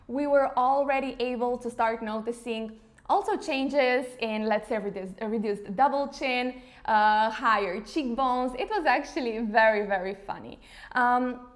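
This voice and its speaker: A woman in her thirties from Slovenia, an English speaker, chatting casually in an interview with frequent fillers like "you know". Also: fairly high pitch. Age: 30s. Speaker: interview guest, face yoga founder.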